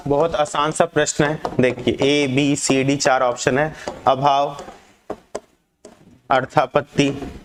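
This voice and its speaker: A man teaching an online exam-prep lesson, reading questions aloud and urging students to answer quickly. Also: a little high, level tone, background noise.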